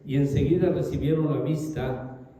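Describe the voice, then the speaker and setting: A man preaching a sermon to his congregation, reading scripture aloud and swinging between raised calls and low, trailing phrases. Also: steady tone, normal speed, warm tone, far from the mic. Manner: addresses congregation as brothers, reads scripture aloud. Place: large echoey hall. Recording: very echoey hall, long reverb.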